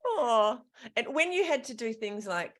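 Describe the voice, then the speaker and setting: A woman's voice: on the high side, sing-song, a little slow, fairly bright tone. An Australian woman hosting a podcast interview, chatty and encouraging, laughing often. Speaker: podcast host. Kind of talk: casual interview chat.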